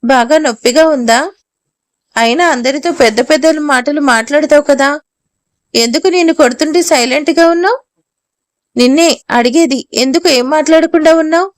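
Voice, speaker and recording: A woman's voice: high voice, normal speed, dry recording, studio quality, close to an everyday voice. Anjali, a woman voicing a firm caring young woman. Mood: soothing. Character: kind young woman defending a child.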